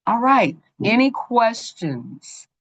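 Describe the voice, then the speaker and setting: A woman's voice: fairly high pitch, big pitch swings, takes it slowly. A woman on a school staff addressing parents in an online meeting. She speaks in a plain, organized way with frequent ums and restarts, through a computer mic on a video call.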